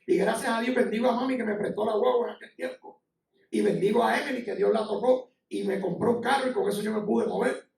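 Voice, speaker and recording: A middle-aged Puerto Rican pastor preaches an impassioned yet conversational sermon, sharing personal testimony in a high-pitched, expressive, fast voice that is gravelly and a little mellow. He speaks Puerto Rican Spanish in a church sanctuary. The audio is echoey and captured from far off.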